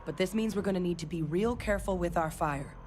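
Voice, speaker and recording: An actress playing a seasoned, steady female officer in a video game, speaking in a businesslike, explanatory way. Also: fairly low pitch, fast, slight background noise, natural voice. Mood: grave, instructive. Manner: businesslike, explanatory, urgent under threat.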